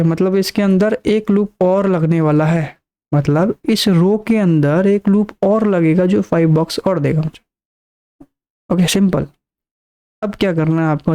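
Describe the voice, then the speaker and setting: A man's voice: high-pitched, warm tone. A man teaching a programming lesson, walking through the code step by step and counting aloud as he explains. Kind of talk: screen-recorded coding lesson.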